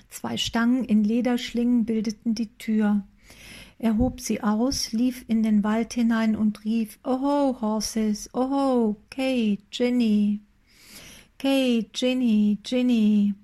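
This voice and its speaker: A woman reading a story aloud in calm, measured scripted narration. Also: on the high side.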